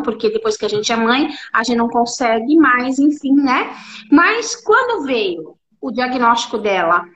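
Woman guest, 40s, high voice, emotional storyteller, mimics quoted dialogue. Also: fairly bright tone. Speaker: guest, clinical nutritionist. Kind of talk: interview conversation.

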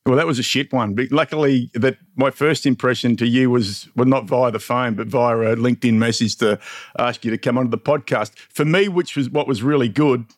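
A middle-aged man hosting a podcast, chatting in a relaxed, mate-to-mate way. His voice sits at an ordinary middle pitch, and the sound is dry and close to the mic. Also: a little fast, no echo. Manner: laid-back, chummy, with fillers and laughs. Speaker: podcast host. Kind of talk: casual podcast chat.

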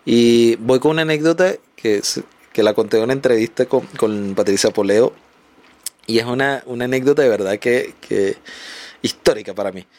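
A man sits as a podcast guest and tells a long story in a relaxed, animated way. His voice sits at an ordinary middle pitch. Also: moderate pace. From Venezuela. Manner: animated anecdote teller, acts out voices in quotes. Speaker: guest, tattoo artist.

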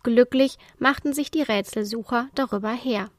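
A woman narrating a children's story in a calm storytelling manner. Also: on the high side, moderate pace, dry recording, clean studio sound.

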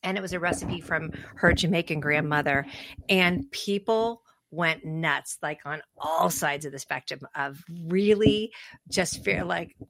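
A woman's voice: deep voice, measured pace, gravelly, a bit bright, no echo. A woman co-hosting a podcast in casual chat, chatty and playful, laughing often. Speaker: podcast co-host.

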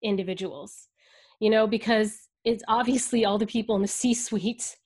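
A woman speaking as an interview guest, earnest and reflective, talking in halting bursts as she thinks things through. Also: on the high side, flat delivery, darkish tone, husky. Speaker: guest speaking about the ad industry. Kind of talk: candid interview conversation.

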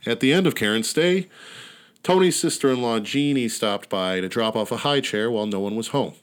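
A podcast host casually retells a story in a wry, laid-back way, swearing here and there. His medium-pitched voice is smooth and moves at normal speed, with outdoor neighborhood ambience in the background.

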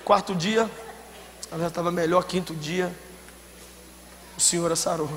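A man preaching a sermon as a pastor, telling stories and acting out scenes with sudden shouted outbursts. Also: high voice, fairly even intonation, unhurried, background noise. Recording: long hall reverb, faint ambience.

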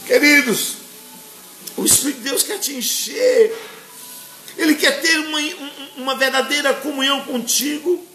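Fervent high-voiced Brazilian preacher. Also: male voice, moderate pace, bright, forceful tone, roomy sound, faint music behind. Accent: Brazilian Portuguese. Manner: fervent, emotional, greets viewers by name. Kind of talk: live-streamed sermon.

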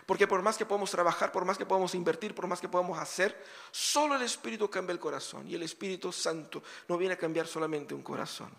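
A man's voice: high voice, quick pace, vocal fry, a bit bright. A man pastor preaching a sermon in a conversational way, full of rhetorical questions and casual asides. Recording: long hall reverb.

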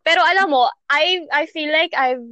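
A woman with a high voice, chatting casually as a podcast co-host. She tells stories in an animated way and slips between Filipino and English. The sound is dry and close. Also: moderate pace, dry recording, muffled recording. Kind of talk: casual chat.

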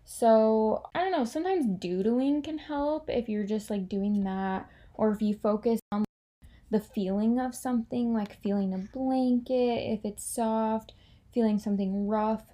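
A woman's voice: fairly high pitch, measured pace, warm tone. A woman in her twenties hosting her own podcast, talking candidly and casually, full of "like" and the odd swear word. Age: 20s. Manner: candid and chatty, heavy filler "like", swears freely. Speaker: podcast host. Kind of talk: casual confessional monologue.

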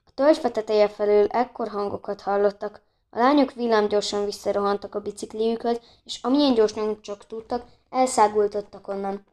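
A woman's voice: medium pitch, fairly even intonation, darkish tone. A woman reading a children's book aloud, who often stumbles and restarts words. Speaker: audiobook reader.

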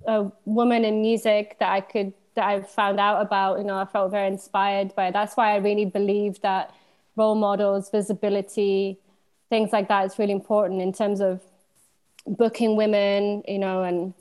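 A woman's voice: medium pitch, level tone, moderate pace, a little mellow. Woman from slovenia, 30s, dj guest, mid voice, chatty and a bit hesitant, laughs a lot. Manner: thoughtful, hesitant, laughs easily. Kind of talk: casual interview chat.

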